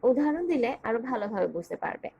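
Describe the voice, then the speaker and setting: Woman teacher, high voice, measured lesson delivery, lists points one by one, clear and deliberate. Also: lively intonation, mellow, low-quality recording. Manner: measured, clear, enumerating points and spelling out examples. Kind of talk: online grammar lesson.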